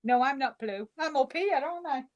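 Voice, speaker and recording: A woman in her sixties joining a casual live chat, giving soft, short replies and laughing often. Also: sits high, expressive, a little fast, highs cut off. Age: 60s.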